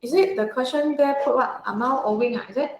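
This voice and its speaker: A woman's voice: sits high, fast, darkish tone, slight background noise. A woman with a Singaporean or Malaysian English accent teaching an informal tutorial, often checking with questions and using colloquial particles. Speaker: accounting tutor. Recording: roomy, echoey sound.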